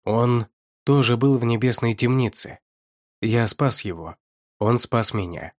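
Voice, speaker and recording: A man's voice: medium pitch, moderate pace, no echo, studio quality, natural voice. A man reading a sarcastic touchy young hero. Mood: careful. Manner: sarcastic, snapping.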